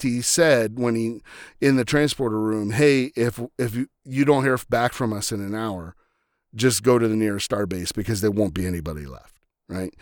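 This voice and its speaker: A man's voice: medium pitch, dry recording. Enthusiastic man in dry podcast talk. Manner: enthusiastic, conversational, with fillers and "right?" asides. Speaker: podcast host. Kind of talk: casual film commentary.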